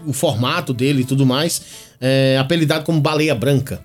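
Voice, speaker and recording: A man's voice: mid-range voice, a little fast, soft background music. A man with a Paraíba accent from Northeastern Brazil, chatting casually and agreeably as a radio co-host.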